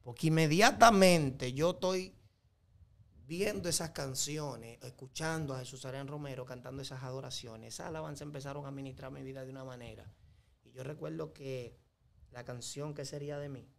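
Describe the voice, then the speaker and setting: Man, Dominican accent, interview guest, faith testimony, earnest, emphatic, preacher-like cadence, mid pitch. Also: moderate pace, creaky, fairly bright tone. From Dominican Republic.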